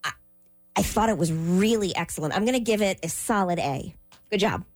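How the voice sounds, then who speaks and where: A woman's voice: medium pitch, expressive, fairly quick, dry recording, studio quality, soft background music. A woman co-hosting a radio show, talking enthusiastically and casually. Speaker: radio co-host. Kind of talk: casual studio chat.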